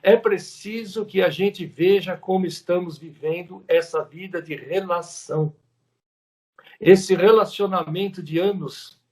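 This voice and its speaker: A man's voice: sits high, unhurried, darkish tone. A man with a Brazilian Portuguese accent giving a spiritual lecture at a spiritist center, talking conversationally and repeating words for emphasis.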